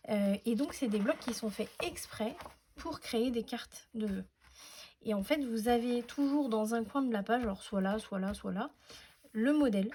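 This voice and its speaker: A woman's voice: mid-range voice, darkish tone. A woman hosting a crafting tutorial, talking casually with lots of fillers and restarts. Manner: chatty, many fillers and restarts. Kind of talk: casual demonstration talk.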